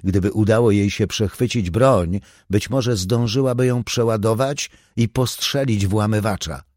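A man narrating a dark thriller audiobook with a measured, even delivery. His voice sits low, and the recording is close and dry with no room sound. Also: dry recording.

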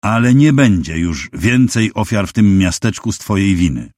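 A man voicing a young hot-headed husband who speaks calmly and firmly, with a low, husky voice. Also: normal speed, no echo, studio quality. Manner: calm, firm, matter-of-fact.

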